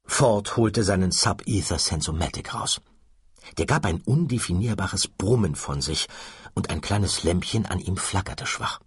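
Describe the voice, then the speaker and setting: A man narrating an audiobook in an expressive, lively storytelling manner. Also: low voice, measured pace, slightly rough, no echo, clean studio sound. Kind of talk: scripted narration.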